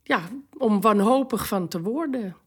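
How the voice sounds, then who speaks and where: A woman's voice: medium pitch, measured pace, husky. A woman interviewed for a documentary, talking emotionally and hesitantly about her home life. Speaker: interviewee, wife.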